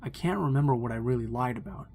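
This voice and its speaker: A man reading a true scary story aloud as the channel's narrator, in a steady, measured storytelling delivery. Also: medium pitch, creaky, a little hiss or hum.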